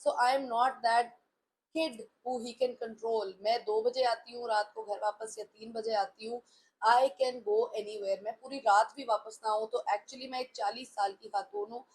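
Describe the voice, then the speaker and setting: A woman's voice: on the high side, fairly even intonation, unhurried, rough recording. A woman in her forties talking candidly about her own life, mixing English phrases into her Hindustani speech. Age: 40s. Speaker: talk show host. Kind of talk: personal reflective talk.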